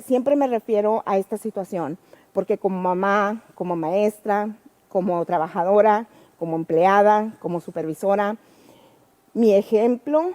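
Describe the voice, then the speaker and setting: A woman's voice: mid-range voice, mellow. A woman teacher and trainer telling a personal story to a class in an earnest, reflective way.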